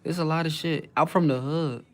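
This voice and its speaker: A young man from New Jersey hosts a livestream, talking casually to his chat in a fairly high, fairly even voice at normal speed. He brags in heavy street slang, swears freely and reads viewers' messages aloud as he goes.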